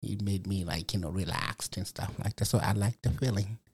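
Brisk and low, a gravelly voice with a slightly rough, a little mellow quality belongs to a man from Malawi, a program resident guest, recounting his life. His intonation stays fairly even as he reflects in this testimony interview, often saying "you know."

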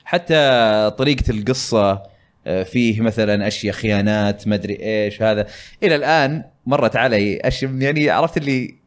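A man's voice: on the low side, a little fast. A man hosting a casual gaming podcast, talking in a rambling way with many fillers. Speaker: podcast host.

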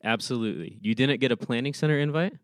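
A man's voice: medium pitch, quick pace, dry recording, studio quality. A man co-hosting a casual church podcast, upbeat and laughing easily. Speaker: podcast co-host, worship staff. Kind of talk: casual chat.

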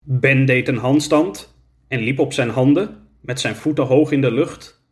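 A man narrating a children's story in a measured, clear storytelling manner. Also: mid-range voice.

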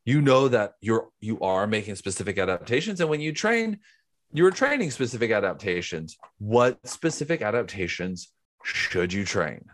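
A man's voice: fairly low pitch, big pitch swings, moderate pace. A man co-hosting a podcast in casual chat, explaining things step by step. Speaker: podcast co-host.

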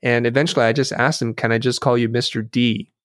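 Speaking fast, with a medium pitch, steady tone and slight brightness, an interview guest reflects on his experiences in conversation. He is a middle-aged designer and teacher, a native Vietnamese speaker who earnestly restarts sentences often. The recording is dry, clean studio sound.

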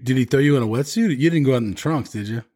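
A man's voice: medium pitch, very fast, darkish tone. A man hosting a podcast in an upbeat, informal way, asking casual questions. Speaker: podcast host. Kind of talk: casual interviewing.

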